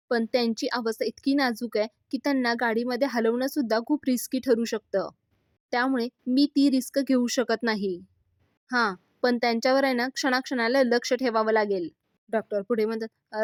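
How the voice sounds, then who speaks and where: A woman recaps a serial episode, lending the characters' quarrels dramatic emphasis. Her voice sits a little high, and the recording is dry and close with no room sound. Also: no echo. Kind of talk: retelling a TV episode with acted dialogue.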